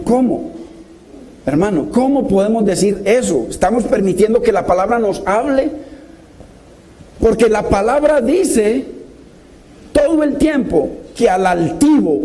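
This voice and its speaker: Impassioned preacher, male; high voice with a mellow, dark timbre. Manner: impassioned, exhorting, repeated direct address. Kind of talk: sermon.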